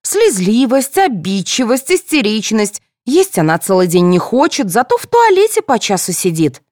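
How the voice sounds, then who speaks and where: A woman's voice: on the high side, sing-song, moderate pace, a little mellow, dry recording, studio quality, voice pushed up. A woman reading an audiobook, voicing a spiteful mother who sharply accuses a rival. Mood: accusing.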